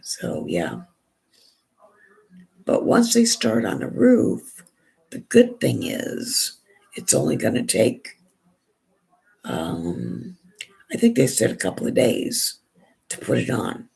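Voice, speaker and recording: A hoarse woman with a gravelly, raspy voice, chatting in a rambling way and restarting often while she does her makeup for a vlog. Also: rumbling low, huge pitch swings, takes it slowly, long pauses, darkish tone. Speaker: beauty vlogger. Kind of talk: casual chat while doing makeup.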